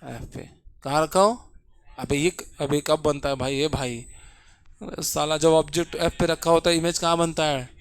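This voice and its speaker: A man's voice: on the high side, fairly even intonation, moderate pace, clear, resonant tone, no room sound. A man teaching a physics lesson in a classroom, joking with and scolding his students as he explains.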